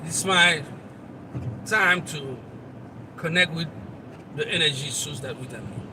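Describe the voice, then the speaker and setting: A man's voice: a little high, a little slow. A man from Haiti with a Haitian accent, hosting a live motivational talk and speaking straight to the listener in an earnest, repetitive way. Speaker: motivational coach and channel host. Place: outdoors near traffic, on the road. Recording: distant mic with loud traffic noise.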